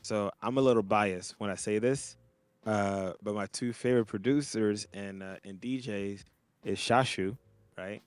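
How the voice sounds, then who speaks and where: A DJ and podcast co-host from Montreal, Canada, this man has a clean, low-side voice and a measured pace, captured in a dry recording. Chatting casually on a video call from home with a child playing nearby, he rambles loosely in a laid-back way, filling his talk with fillers.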